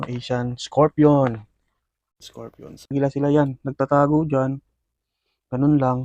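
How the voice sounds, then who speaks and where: Talking to his viewers in an animated, filler-laden play-by-play, a man narrates as he feeds his pet scorpions for his video. His pitch is medium, there's no room sound, and the recording is muffled.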